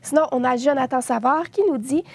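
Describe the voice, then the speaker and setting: A young woman delivers a news report on social media reactions. Her voice sits quite high, and she stumbles and fills pauses often as she goes. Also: a little mellow, breathy edge. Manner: hesitant, many filler sounds.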